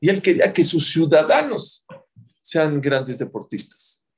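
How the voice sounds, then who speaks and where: This sermon comes from a man speaking a little slowly, his pitch fairly high and his accent Mexican Spanish. He tells stories with energy, alternating between loud outbursts and quiet asides.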